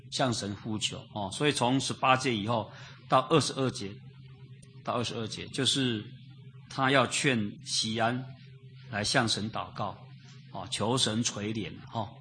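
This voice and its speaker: A man preaching an expository Bible sermon in a conversational way, repeating phrases, asking rhetorical questions and filling pauses with drawn-out interjections. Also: medium pitch, pushed and bright, a little hiss or hum.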